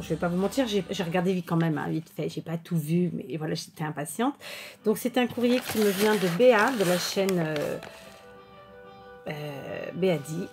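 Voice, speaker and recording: Chatty woman crafter over soft music. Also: on the low side. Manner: chatty, many fillers and restarts, warm thanks. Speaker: crafting YouTuber. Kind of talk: casual chat showing mail and purchases.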